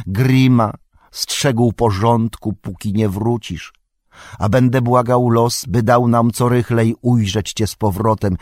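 A man's voice: mid-range voice, a little mellow, no echo, studio quality, voice pushed up. A man voicing a cringing, treacherous royal counsellor who pleads and whines in a servile, wheedling manner, in a storybook reading.

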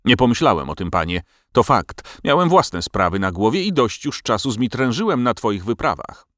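A man's voice: medium pitch, sing-song, moderate pace, fairly bright tone, dry recording, studio quality. A man voicing a bold, cheerful farmer who teases a king in a storybook reading. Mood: cheeky. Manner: cheerful, teasing, stubborn.

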